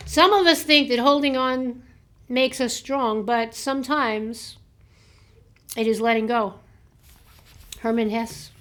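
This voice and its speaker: An American woman with a high-pitched voice hosts a casual book show. She reads aloud haltingly from her notes and books, chatting and laughing at herself as she goes. Her throat sounds slightly sore. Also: a bit bright. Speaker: host of a book review show.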